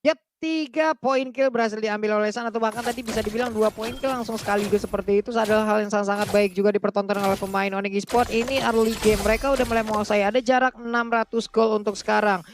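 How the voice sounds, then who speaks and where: A man's voice: high-pitched, steady tone, quick pace, few pauses, a little hiss or hum. A man with an Indonesian accent delivering live esports commentary as part of a casting team.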